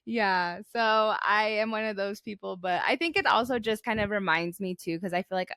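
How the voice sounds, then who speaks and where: A woman's voice: mid-range voice, moderate pace, a bit bright, no echo. A young American woman from Arizona co-hosting a podcast in a casual, reflective way, with thoughtful, hesitant phrasing. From Flagstaff, Arizona, United States. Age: young adult. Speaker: podcast co-host.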